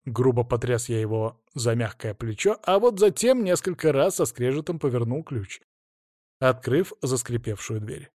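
A man narrating a fantasy novel in the first person with brisk, vivid delivery. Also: mid-range voice, animated, a little mellow, no room sound, studio quality.

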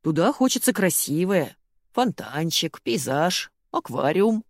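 A stout, older police colonel, naive and blunt, put on by a woman reading an audiobook. The voice is lowish and lively in pitch, recorded dry and close to the mic. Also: unhurried, dry recording, full character voice. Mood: baffled. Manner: bewildered and blunt. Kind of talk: audiobook character voice.

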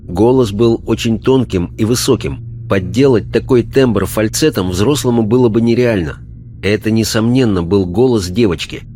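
A man narrates a story in a measured, steady manner. His voice sits on the low side. Faint background noise runs under it. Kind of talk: audiobook narration.

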